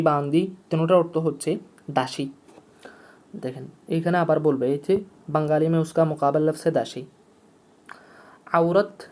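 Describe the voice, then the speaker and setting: A teacher explaining vocabulary in a lesson, repeating each word and its meaning over and over. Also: male voice, fairly high pitch, dark tone. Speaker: Urdu teacher.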